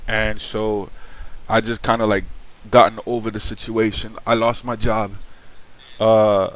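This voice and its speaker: A man's voice: lowish voice, flat delivery, measured pace, fairly bright tone. A young man talking casually to the camera in a loose, slangy way, full of fillers and restarts, frankly airing a grievance. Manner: aggrieved, frank venting. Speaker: vlogger. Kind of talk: casual vlog monologue.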